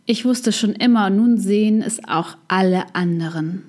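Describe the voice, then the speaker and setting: A woman's voice: medium pitch, moderate pace, a little mellow, natural voice. A woman voicing a scornful inner critic that gloats and taunts. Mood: taunting.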